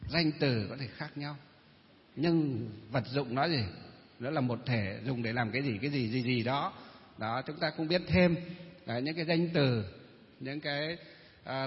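A male Buddhist monk with a Northern Vietnamese accent giving a dharma talk, posing rhetorical questions and answering them himself. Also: fairly high pitch. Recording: reverberant hall, dull muffled sound.

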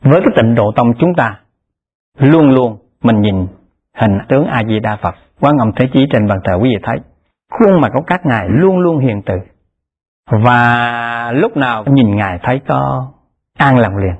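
A man giving a Pure Land Buddhist dharma talk in a measured, repetitive teaching cadence, rising in pitch to stress key terms. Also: lively intonation, slightly rough. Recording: tinny lo-fi phone-like recording.

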